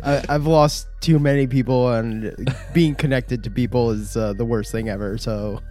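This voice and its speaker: A man's voice: mid-range voice, fairly even intonation, moderate pace, mellow, faint music behind. A man playing a tabletop game, joking at his own expense. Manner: giggly, self-mocking. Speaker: player. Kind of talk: casual tabletop chat.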